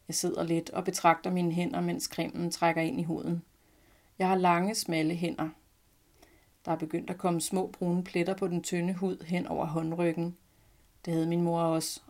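A middle-aged Danish woman, a podcast host, reading her own personal short story aloud in a calm, reflective first-person voice. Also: fairly low pitch.

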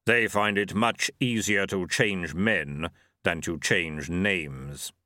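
A man voicing Death, a grave skeletal figure who speaks slowly and deliberately. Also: pushed and bright, dry recording, clean studio sound, full character voice. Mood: wry. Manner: deep, slow, measured. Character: Death, a grave, slow-spoken male skeleton.

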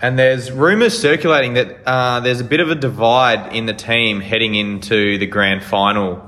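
A man's voice: medium pitch, fairly even intonation, normal speed, bright, forceful tone, long reverb tail. A man co-hosting a casual sports interview and putting questions to the guests. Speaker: co-host interviewer.

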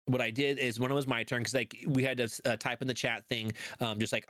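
A man co-hosting a podcast, telling a story in casual chat and acting out his own remarks with lively energy. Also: medium pitch, fast, dry recording, studio quality. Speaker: podcast co-host.

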